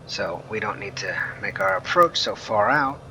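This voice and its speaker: Man, lowish voice, casual gameplay commentary, rambling, clear engine noise behind. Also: sing-song, moderate pace. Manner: rambling, thinking aloud. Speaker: flight simulator streamer and reviewer.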